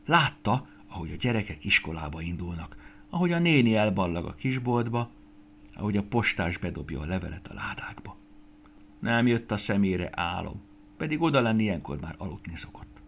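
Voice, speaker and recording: Expressive man reading a children's tale. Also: fairly low pitch, slight background noise. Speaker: storyteller. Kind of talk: children's storybook narration.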